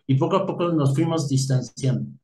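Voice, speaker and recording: A man's voice: mid-range voice, fairly quick, warm tone. A man gives a personal testimony in an interview, talking hesitantly with many filler words. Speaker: guest giving a testimony. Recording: echoey room with faint noise.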